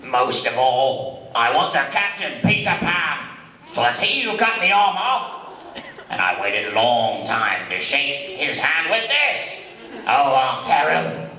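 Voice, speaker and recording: A man's voice: mid-range voice, big pitch swings, slow pace, bright, forceful tone, heavily acted. A man playing a vengeful, theatrical villainous pirate captain with blustering delivery in an old-time radio play. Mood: vengeful, gloating. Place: large hall, live stage show. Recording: very echoey hall, distant microphone.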